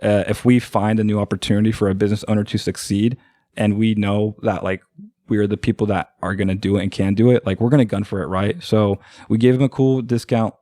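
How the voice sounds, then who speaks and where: A man from Oregon with a lowish voice chats casually as a podcast guest. He rambles and fills his talk with "like" and "right?". The studio sound is close and dry. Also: steady tone, fairly quick, dark tone, no echo. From Oregon, USA. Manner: rambling, filler-heavy talk with constant "like" and "right?". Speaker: guest, marketing agency owner.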